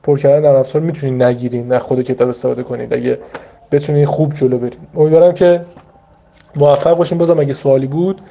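A man's voice: medium pitch, fairly even intonation, vocal fry, dark tone. A man teaching vocabulary, giving patient, informal study advice straight to his students and repeating his key points step by step. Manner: patient, repetitive, explains step by step with many asides; addresses students directly and encouragingly.

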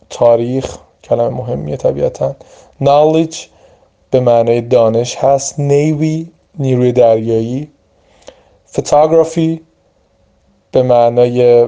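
A man's voice: medium pitch, vocal fry, dark tone. A man teaching English vocabulary, giving each word and its meaning and stressing how to pronounce it. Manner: explains word by word, stressing pronunciation. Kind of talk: vocabulary lesson.

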